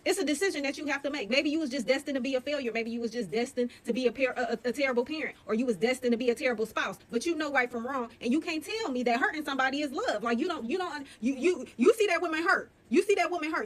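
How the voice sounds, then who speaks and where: Woman, high voice, rapid emphatic scolding commentary.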